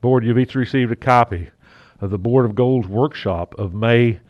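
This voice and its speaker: A man chairing a city council meeting as mayor, his voice muffled through a face mask, talking haltingly with fillers and the odd joke. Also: mid-range voice, no echo. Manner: halting, with fillers and restarts, lightly joking.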